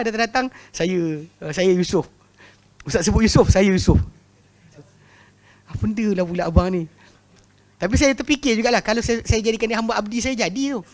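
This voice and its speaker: A man with a Malaysian Malay accent teaching a religious class, telling lively anecdotes, often laughing and repeating words. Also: very high voice. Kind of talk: lecture with humorous anecdotes.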